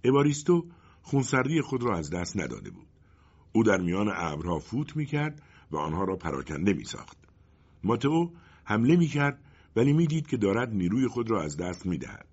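A man narrating a children's story in an expressive, dramatic reading. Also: lowish voice, husky. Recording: muffled lo-fi recording.

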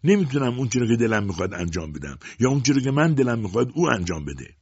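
A man voicing a strong, stingy, greedy middle-aged mother who scolds and shouts at her daughter in a storybook reading. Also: fairly low pitch, very animated, husky, no echo, voice pushed up, exaggerated voice. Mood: scolding. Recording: dull dry lo-fi audiobook recording.

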